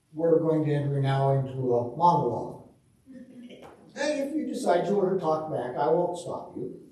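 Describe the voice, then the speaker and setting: A middle-aged male pastor at a pulpit, reading scripture and preaching in a slow, measured way with dry asides, recorded from a distance in a large church sanctuary. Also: on the high side, warm tone. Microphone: far camera. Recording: echoey church from far off.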